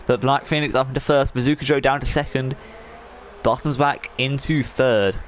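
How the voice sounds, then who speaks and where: With a steady tone at normal speed and a medium pitch, a hoarse man commentates on a sim racing league race. He chats and rambles with lots of fillers and restarts, and the audio carries a little hiss or hum.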